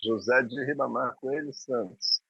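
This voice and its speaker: A man's voice: mid-range voice, unhurried, vocal fry, slightly rough, no echo. Man reminiscing, phone-like sound. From Maranhão, Brazil. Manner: rambling, reminiscing, with restarts. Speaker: guest musician. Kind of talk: conversational storytelling.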